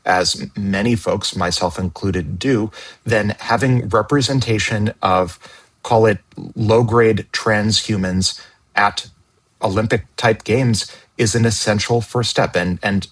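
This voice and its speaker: A man's voice: on the low side, fairly even intonation, takes it slowly. A man talking as a regular panelist in a casual podcast discussion, often repeating words as he restarts, speculative. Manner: stammering word repeats, speculative.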